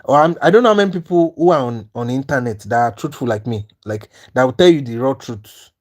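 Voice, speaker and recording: A Nigerian man with a Nigerian accent hosts a trading livestream, speaking earnestly and persuasively to chat viewers and often asking "you understand?" His mid-range voice is expressive, fast, and a little mellow.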